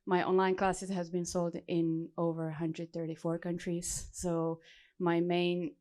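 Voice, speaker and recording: A woman speaking earnestly as a panelist, listing her work in an unhurried way. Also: lowish voice, completely flat delivery, darkish tone. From Czech Republic. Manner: earnest, unhurried, trailing lists. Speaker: panelist, dancer and coach. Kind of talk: panel self-introduction. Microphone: handheld mic.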